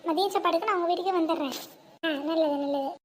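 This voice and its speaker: A woman's voice: extremely high pitch, fast. A woman voicing chatty, crafty village housewives in a cartoon, exclamatory and colloquial, with a rural Tamil Nadu accent. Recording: faint background noise and ambience.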